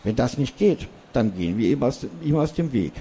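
A man's voice: medium pitch, big pitch swings, normal speed, mellow, a little hiss or hum, pitched above the performer's own voice, close to an everyday voice. A man voicing a small, cheeky old male dwarf who lectures humans about themselves. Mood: lecturing.

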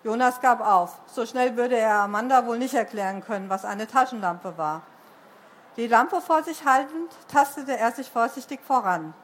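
A woman reading a children's book aloud at a bookshop event, lively storytelling with occasional slips. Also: on the high side, moderate pace.

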